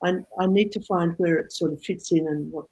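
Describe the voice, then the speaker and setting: A woman's voice: fairly low pitch, steady tone, brisk, darkish tone, husky, rough recording. Hesitant woman co-host in a group chat. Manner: hesitant, searching for words, agreeable. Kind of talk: casual group discussion.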